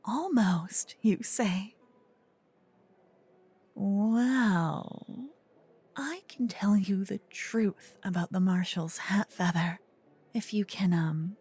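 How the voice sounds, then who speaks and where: Close to a binaural microphone, a woman plays a witty, flirtatious royal tailor for a scripted fantasy ASMR roleplay. Her mid-range voice has a darkish tone, breathy and frequently whispered, delivered with teasing, refined gossip.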